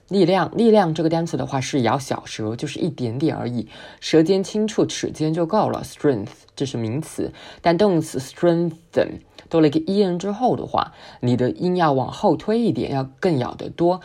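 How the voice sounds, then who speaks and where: A woman whose first language is Chinese, teaching an English speaking lesson and slowly modelling words for the listener to repeat. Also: low voice, mellow. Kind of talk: spoken English pronunciation lesson.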